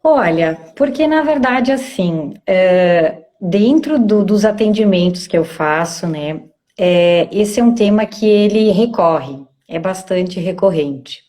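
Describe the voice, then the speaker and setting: A woman's voice: mid-range voice, animated, takes it slowly, few pauses. A woman in her thirties, a psychologist guest, talking casually with many fillers. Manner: warm, hesitant, many fillers. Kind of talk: casual interview talk.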